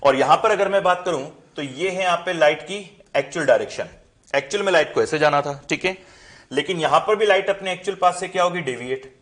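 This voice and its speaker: A man's voice: fairly high pitch, brisk, a bit bright. A young man teaching a physics lesson, posing questions to the class and answering them himself. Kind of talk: classroom lesson explaining at a board.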